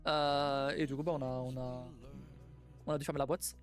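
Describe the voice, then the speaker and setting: A man's voice: medium pitch, level tone, moderate pace, soft background music. A young man chatting casually on a live stream, rambling through his work history and swearing freely. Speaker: streamer and game developer.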